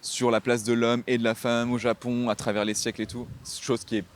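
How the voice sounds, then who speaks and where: A man's voice: mid-range voice, little pitch movement, a little fast. A young man co-hosting a podcast outdoors, talking casually with slang and lots of fillers. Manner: casual slangy talk, many fillers and restarts. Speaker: podcast co-host. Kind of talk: casual chat. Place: outdoors by a river, windy.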